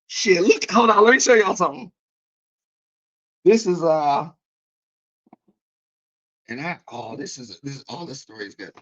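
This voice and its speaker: Guy telling a story on a livestream, animated and swears a lot, keeps restarting, kinda muffled audio. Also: fairly high pitch, a little slow, long pauses. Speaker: guest.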